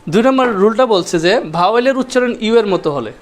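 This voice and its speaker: A man's voice: sits high, lively intonation, quick pace. A man teaching English grammar at a whiteboard, repeating key points and quizzing his students with rhetorical questions.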